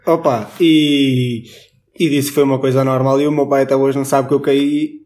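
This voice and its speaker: A man's voice: mid-range voice, moderate pace. Young man telling a rowdy story. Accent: European Portuguese. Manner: laughing, swearing, animated storyteller. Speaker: podcast co-host. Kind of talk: casual storytelling.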